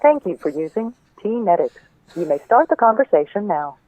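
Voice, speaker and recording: A woman's automated announcement for a prison payphone collect call, measured and formal. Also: mid-range voice, big pitch swings. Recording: tinny phone line.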